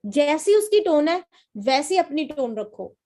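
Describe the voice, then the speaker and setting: A young woman from Punjab giving a lively, repetitive training talk to a sales team as its trainer. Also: high-pitched, measured pace. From Punjab, India. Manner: coaching, repetitive, lively storytelling. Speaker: network marketing trainer.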